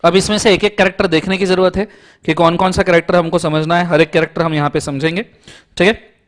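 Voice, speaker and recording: A man's voice: high-pitched, little pitch movement, quick pace. A young man giving an exam-prep law lecture, explaining points with everyday examples and checking in with his students.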